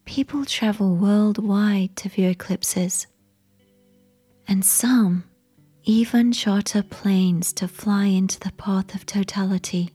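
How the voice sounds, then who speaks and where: A woman telling a sleep story in a soft, soothing unvoiced whisper, guiding relaxation. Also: medium pitch, steady tone, slow pace, slightly rough, faint music behind.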